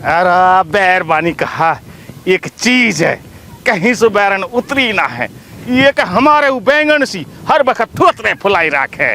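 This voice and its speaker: A man's voice: sits high, sing-song, unhurried, few pauses, loud music behind the voice, heavily acted. A man playing a lecherous old village man, whiny and teasing in a village comedy skit. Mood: cheeky grumbling. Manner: teasing, whiny and self-pitying. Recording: faint background noise.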